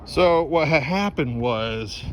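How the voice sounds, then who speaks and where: A man's voice: a little high, lively intonation, takes it slowly. A young man chatting casually while loading race gear, joking and trailing off mid-sentence. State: out of breath. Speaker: race team member filming. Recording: noisy camera audio.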